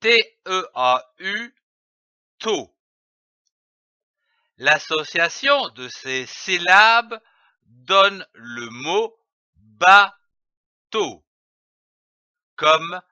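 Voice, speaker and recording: A man giving a slow, scripted reading lesson for young children, spelling out letters and syllables one by one. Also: sits high, big pitch swings, sharp tone, no room sound, highs cut off. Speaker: reading teacher.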